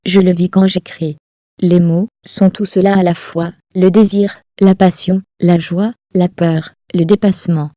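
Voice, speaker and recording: Warm, measured woman reader. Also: medium pitch, dry recording. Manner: measured, deliberate phrasing. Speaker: author reading her own text. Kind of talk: reading a personal essay aloud.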